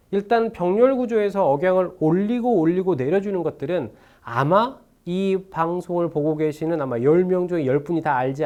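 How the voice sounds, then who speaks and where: A young man with a Korean accent giving a recorded lecture on English pronunciation for a speaking test. He explains step by step and models English words slowly, repeating them. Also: fairly high pitch, a little mellow.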